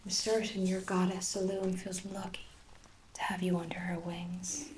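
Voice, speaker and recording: A woman with an Irish accent in a soft whispered role-play, playing a gentle, attentive hair sorcerer with old-fashioned storybook phrasing. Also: lowish voice, flat delivery, moderate pace, slight background noise. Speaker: ASMR performer.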